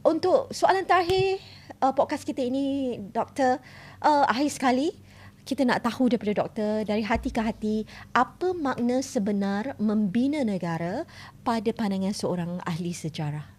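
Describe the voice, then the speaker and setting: A Malaysian woman hosting a podcast interview, with frequent soft agreement and hesitant fillers. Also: fairly high pitch, moderate pace. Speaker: podcast host.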